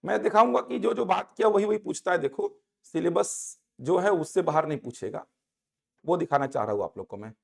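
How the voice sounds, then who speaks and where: A man's voice: high voice, lively intonation, brisk, gravelly. A man lecturing a coaching class on an exam syllabus, explaining topics and checking that students follow.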